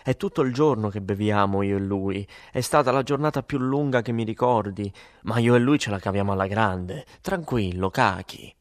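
A man's voice: on the low side, moderate pace, hardly any pauses, no room sound, studio quality, close to an everyday voice. Benny, a man doing a tipsy placating friend. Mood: tired.

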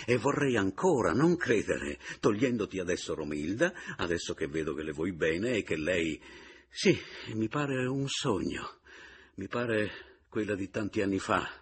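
A boisterous, teasing man, as a male reader acts him out, loud and mocking. His husky low voice swings widely between lines. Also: exaggerated voice. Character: mocking, jovial man back from the dead.

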